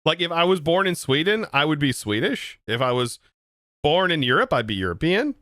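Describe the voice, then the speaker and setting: A man's voice: on the high side, sing-song, normal speed, bright, forceful tone, no room sound, clean studio sound. An American man streaming a game, chatting casually and answering his chat in disbelief. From United States. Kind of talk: casual livestream chat while gaming.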